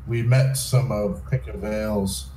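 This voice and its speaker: A man playing a tabletop role-playing game, speaking haltingly and in character, picked up by a distant camera mic. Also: on the low side, steady tone, mellow, echoey room, a little hiss or hum. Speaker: player. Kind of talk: casual tabletop role-play.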